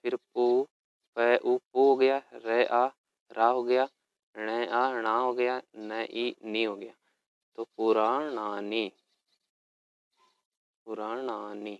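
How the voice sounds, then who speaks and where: A man's voice: medium pitch, flat delivery, very slow, clean tone, no echo, highs cut off. A man explaining a Sanskrit textbook lesson, patiently spelling out words letter by letter. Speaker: Sanskrit teacher.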